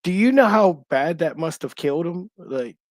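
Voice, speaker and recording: A man co-hosting a podcast in casual chat, rambling and halting with many restarts and fillers. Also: fairly high pitch, expressive, dry recording. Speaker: podcast co-host.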